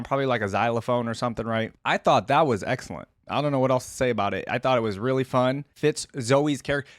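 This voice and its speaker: Chatting directly to viewers he addresses as "guys," a man offers enthusiastic, conversational reaction commentary as a video host. His voice sits in the mid range. Music plays behind the clean, echo-free studio recording.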